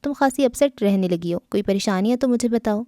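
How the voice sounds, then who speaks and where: Female reader voicing a teasing, coaxing young woman; warm and dry. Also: medium pitch, lively intonation, no echo, close to an everyday voice. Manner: playful, coaxing.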